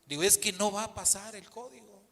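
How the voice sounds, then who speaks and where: A man's voice: high voice, fairly quick. A man with a Mexican accent, a pastor telling a story in a sermon and acting out the people in it. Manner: animated storyteller who acts out the people in the story. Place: church hall. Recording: long hall reverb.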